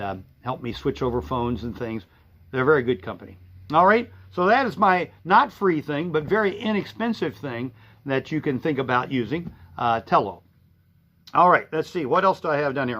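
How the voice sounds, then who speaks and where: A slightly high, somewhat bright male voice comes through dull, lo-fi stream audio. He is a middle-aged sewing and vacuum shop owner chatting folksily on a live stream, with lots of fillers and restarts.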